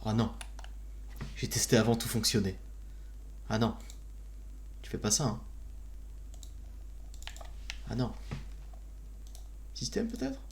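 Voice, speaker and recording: A man's voice: on the low side, steady tone, takes it slowly, pauses often, a little hiss or hum. A man doing casual live gaming commentary as a streamer, with a jokey, mock-grand manner and muttered asides. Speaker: video game streamer.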